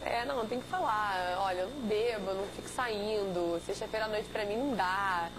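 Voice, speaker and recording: Speaking with a Carioca accent, a Brazilian swimmer in her twenties from Rio de Janeiro gives earnest answers as an interview guest in competitive swimming. Her mid-range voice runs a little fast, with background noise behind it.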